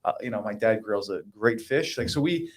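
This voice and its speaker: A Croatian-speaking pain doctor in his thirties, appearing as a podcast guest, has a lowish, expressive voice and talks briskly. The conversation is casual, and he's enthusiastic, with many fillers and restarts.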